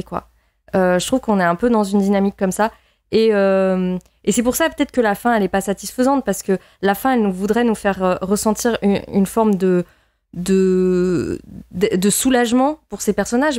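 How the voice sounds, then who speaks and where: A woman's voice: medium pitch, darkish tone, no echo, clean studio sound. A woman in a casual film discussion, analytical and opinionated, often repeating words as she works out her point.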